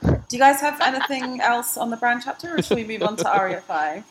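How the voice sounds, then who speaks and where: A woman's voice: a little high, lively intonation, fairly quick. A woman hosting a casual book podcast, playful and organized as she steers the chat. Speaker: podcast host moving the discussion along. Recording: noticeable background noise.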